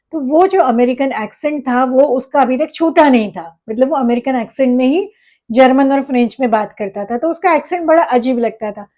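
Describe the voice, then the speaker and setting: A woman teacher, reading a story aloud slowly and then explaining it quickly in a relaxed, talky way. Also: on the high side, rough recording. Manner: reads English lines slowly, then explains quickly in Hindi. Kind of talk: explaining a textbook story line by line.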